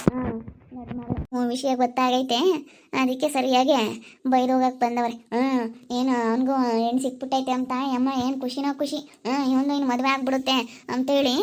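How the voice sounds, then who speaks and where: A woman's voice: high-pitched, flat delivery, a little fast, natural voice. A woman playing a talkative middle-aged village mother who gossips and pleads, in an amateur family skit. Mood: gossipy.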